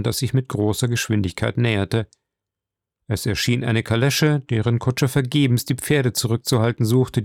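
A man narrating an audiobook in a steady, even storytelling manner. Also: medium pitch, gravelly, no echo, studio quality.

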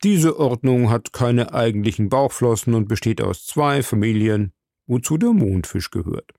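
A man narrating an audiobook in a measured storytelling manner. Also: mid-range voice, animated, gravelly, warm tone, dry recording, clean studio sound. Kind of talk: scripted narration.

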